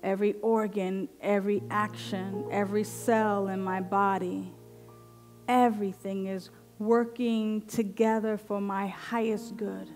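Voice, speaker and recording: Slow, even-toned woman leading prayer. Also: mid-range voice, faint music behind. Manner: slow, deliberate, meditative phrasing with long pauses. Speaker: minister leading a meditation. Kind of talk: guided affirmative prayer. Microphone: headset microphone.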